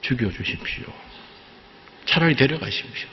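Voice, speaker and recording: A man's voice: mid-range voice, expressive, normal speed, in a large hall, highs cut off, natural voice. A man voicing a weary aged male prophet who pleads with God to be released from his burden, in an exasperated, pleading way. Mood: despairing.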